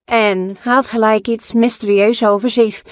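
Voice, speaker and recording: A woman's voice: fairly high pitch, fairly even intonation, measured pace, dry recording, studio quality. AI-disguised voice of a hesitant woman. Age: early 30s. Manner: hesitant, many fillers and restarts. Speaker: anonymous interviewee. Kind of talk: personal testimony.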